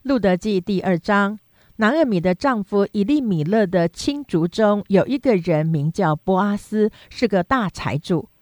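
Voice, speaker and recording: Woman reading scripture, steady and dry. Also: mid-range voice, no echo. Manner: steady, even, measured reading. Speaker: scripture reader.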